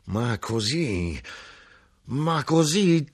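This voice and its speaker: A man's voice: medium pitch, very animated, very slow, slightly rough, voice pushed up, full character voice. Man doing a ranting hot-headed knife-grinder. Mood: ranting, shouting. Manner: shouting, explosive. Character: excitable male knife-grinder, hot-tempered. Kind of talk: audiobook reading.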